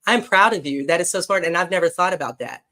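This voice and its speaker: A man's voice: sits high, fast talker, sharp tone. A man hosting a casual podcast conversation, chatty, blunt and teasing with his guest. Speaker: podcast host.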